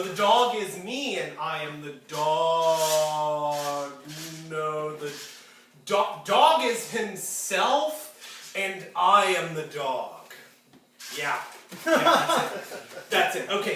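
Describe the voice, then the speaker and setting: A man's voice: fairly high pitch, big pitch swings, slow pace, pushed and bright, full character voice. A man on stage playing a tearful, self-pitying alien henchman in a rambling comic monologue, recorded from far off in a theatre. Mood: whining. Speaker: stage actor. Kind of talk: live stage comedy acting. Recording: echoey theatre from far off, noisy.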